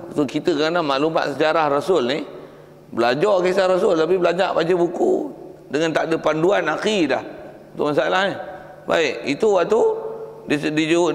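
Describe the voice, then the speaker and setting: A man with a Malaysian Malay accent giving a religious lecture, telling stories with animated acted-out dialogue and repeating points for emphasis. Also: fairly high pitch, brisk, gravelly. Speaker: Islamic preacher. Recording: echoey hall reverb.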